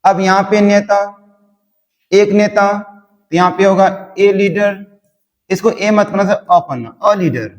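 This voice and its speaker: High-voiced man teaching slowly in a hall. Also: little pitch movement. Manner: slow, repetitive drilling. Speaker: English teacher. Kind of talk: spoken English lesson. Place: classroom. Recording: long hall reverb.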